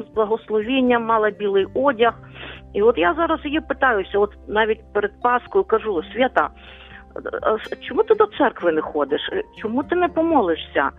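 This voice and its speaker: A woman's voice: fairly high pitch, husky. A woman calling in to a religious radio show, speaking earnestly and devoutly, at times rambling. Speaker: radio caller. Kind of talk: phone call-in testimony. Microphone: phone. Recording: tinny phone line, faint music.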